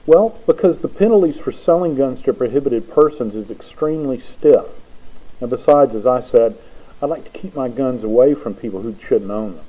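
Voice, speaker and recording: A man getting over a cold leaves a recorded voice message, laying out his reasons point by point in a methodical way. His voice sounds thin and boxy, as if heard through a tube. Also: mid-range voice. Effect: thin, boxy sound, like through a tube or phone line. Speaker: listener sending in a voice message. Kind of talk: reading a prepared answer.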